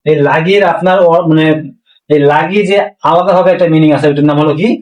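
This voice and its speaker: A Bengali-speaking man teaching a language lesson, slowly repeating words to drill their pronunciation. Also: fairly high pitch, steady tone, darkish tone, reverberant, distant mic, low-quality recording.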